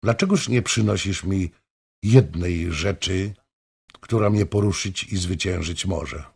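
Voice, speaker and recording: A calm, unyielding woman who refuses bribes and threats, as read by a male narrator. The voice drops low and soft, slow and husky, with a creaky edge. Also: exaggerated voice. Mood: firm. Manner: low, quiet, steady. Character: brave resolute young woman, calm and firm.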